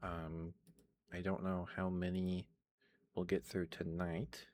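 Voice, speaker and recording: A man speaking softly in a casual ASMR style, reading and chatting, with a tired, worn-out voice. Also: completely flat delivery, takes it slowly, a little hiss or hum. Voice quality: low, creaky voice. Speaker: ASMR host reading aloud. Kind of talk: soft-spoken ASMR reading and chat.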